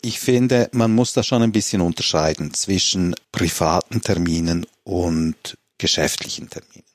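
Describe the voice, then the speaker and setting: A man, talking calmly as a guest on a comedic panel show. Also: sits low, moderate pace, no echo. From Switzerland. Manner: relaxed, reads a letter aloud.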